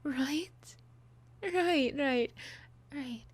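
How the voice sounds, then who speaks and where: A woman voicing a possessive, obsessive young monster girl in love, an unhinged, clingy villainess, in an ASMR role-play with breathy hushed stretches. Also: on the high side, steady tone, slow pace. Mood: possessive, menacing.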